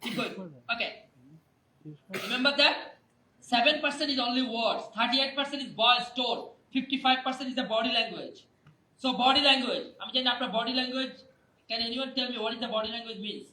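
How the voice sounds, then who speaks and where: A man's voice: very high voice, extremely slow, bright, forceful tone. A man leading a live public speaking workshop, energetically quizzing the audience for replies. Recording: echoey hall, mic at a distance.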